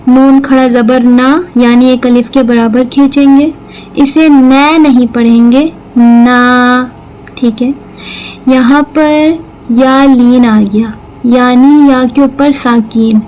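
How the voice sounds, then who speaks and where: Woman teacher, high voice, talks slow and patient, bit of hiss behind. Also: fairly even intonation, mellow, rough recording. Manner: patient, explains step by step, repeats words slowly. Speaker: Quran recitation teacher. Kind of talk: slow tajweed lesson with recitation.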